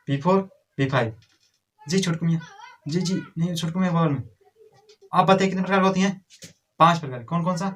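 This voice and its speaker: A man's voice: high voice, a bit bright. A man teaching a grammar lesson to a class, drilling and correcting pupils in a scolding, repetitive way.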